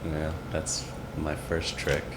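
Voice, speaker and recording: A man co-hosting a podcast, joking in casual chat with deadpan asides. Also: extremely low pitch, slow pace, roomy sound, very noisy. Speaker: podcast co-host.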